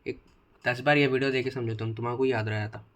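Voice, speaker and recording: Hyderabadi man chanting study mnemonics in a flat voice. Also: mid-range voice, fast, slight background noise. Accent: Hyderabadi Dakhini Hindi. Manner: repeats key phrases over and over as chants; chatty, self-mocking. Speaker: tutor. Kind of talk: casual exam-tips lesson.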